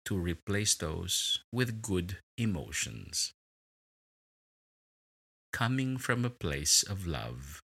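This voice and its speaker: Slow, soothing deep-voiced meditation guide. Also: male voice, sharp tone. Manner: slow, soothing, with long pauses.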